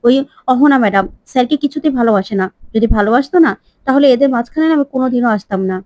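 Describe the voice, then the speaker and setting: A woman's voice: a little high, rapid-fire, a little mellow, no echo, close to an everyday voice. A woman voicing a defiant young slum girl. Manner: pleading and defiant.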